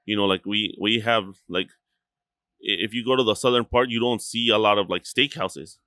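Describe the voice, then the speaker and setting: A man's voice: lowish voice, normal speed, bright, forceful tone, dry recording, clean studio sound. A man from Chihuahua, Mexico, a restaurant co-owner talking casually as a podcast guest, rambling with lots of fillers and swearing freely.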